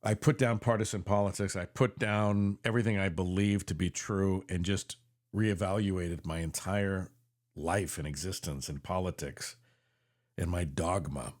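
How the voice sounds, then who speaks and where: A man with a very deep voice speaks earnestly into a studio mic in his home podcast room. His delivery is confessional and reflective, and he slows down on the phrases that matter most to him. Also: steady tone, darkish tone. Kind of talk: reflective personal monologue. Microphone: studio mic with headphones.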